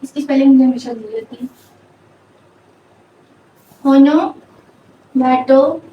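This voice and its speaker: A woman teacher, explaining grammar step by step and dictating example sentences slowly word by word. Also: sits high, highs cut off. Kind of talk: grammar lecture. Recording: echoey room, voice from far off, faint background hum.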